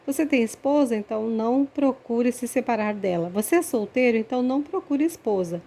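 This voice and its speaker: A Brazilian woman reading the Bible aloud for children, with measured, clearly phrased delivery. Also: on the high side, animated, mellow. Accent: Brazilian Portuguese. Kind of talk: read-aloud scripture reading.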